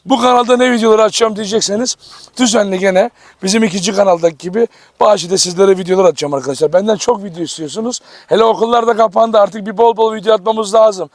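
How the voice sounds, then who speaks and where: A man vlogging casually in his outdoor garden with his dogs, talking to the camera and excitedly calling and scolding the animals. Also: high voice, fast talker, no echo. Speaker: farm vlogger. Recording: noisy outdoor camera recording. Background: dogs barking.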